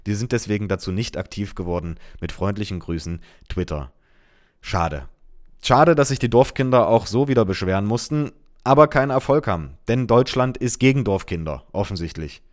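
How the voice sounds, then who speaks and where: A man reading out reactions to his post with sarcastic, deadpan asides in casual commentary. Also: lowish voice, moderate pace. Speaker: social media commentator.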